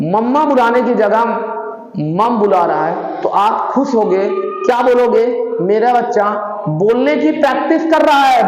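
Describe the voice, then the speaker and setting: High-voiced man teaching in an echoey room. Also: a little mellow, slight background noise. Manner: encouraging, asks the audience questions and answers them himself. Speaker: English teacher. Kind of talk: motivational spoken-English lesson. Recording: echoey room with long reverb.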